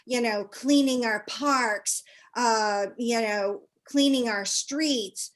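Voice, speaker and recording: Slow, earnest woman, higher voice. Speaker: district governor. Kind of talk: remarks on a video call. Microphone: video call.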